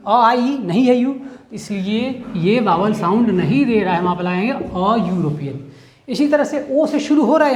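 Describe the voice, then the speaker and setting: A woman's voice: a little high, darkish tone, roomy sound. A woman teaching an English grammar lesson in the style of a classroom, explaining step by step and asking questions that she answers herself.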